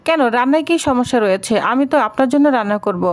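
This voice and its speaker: A woman voicing a bold young daughter-in-law who answers back with calm, cutting retorts. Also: high-pitched, fast talker. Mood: cool, defiant.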